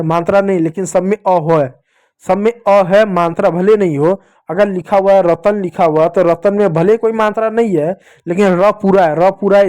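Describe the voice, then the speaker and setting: Casting: high-pitched male teacher, patient and repetitive, talking to small kids. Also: a little mellow. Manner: patient, repetitive, asks questions and answers them himself. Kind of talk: classroom lesson for young children.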